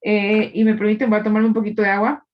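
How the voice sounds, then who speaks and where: A woman's voice: mid-range voice, completely flat delivery, fast talker, highs cut off. A woman teacher giving a live class, explaining patiently and quizzing her students, with frequent tag questions. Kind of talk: live online class lecture.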